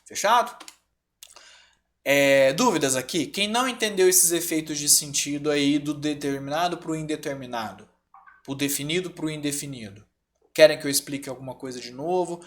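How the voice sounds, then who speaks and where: A Brazilian man teaching a grammar class online, lively and often checking in with his students. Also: a little high, moderate pace. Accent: Brazilian Portuguese.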